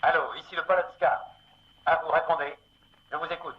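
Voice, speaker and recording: An actor playing an urgent ship radio operator answering a distress call in a 1960s TV drama, heard as if over a field telephone. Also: male voice, on the high side, fairly even intonation, brisk. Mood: urgent, alert. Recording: dull, noisy old radio transmission.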